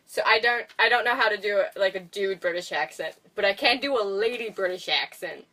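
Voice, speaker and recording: A woman's voice: medium pitch, fairly quick, bright, forceful tone, distant mic. A woman casually reviewing a movie in a chatty, giggly way, full of fillers. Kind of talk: casual chat.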